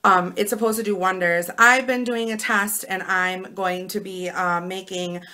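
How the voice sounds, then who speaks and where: A woman in her thirties with an American Midwestern accent and a raspy voice, chatting casually and in a rambling way to camera as a vlogger. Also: medium pitch, fairly even intonation, a little slow, bright, forceful tone.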